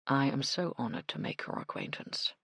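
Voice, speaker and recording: A bohemian male artist in his forties with a soft, mellow, courtly manner, voiced by a woman narrator. The voice is low and quiet with a gravelly, husky grain. It sounds close and dry. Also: lively intonation, normal speed, no room sound, full character voice.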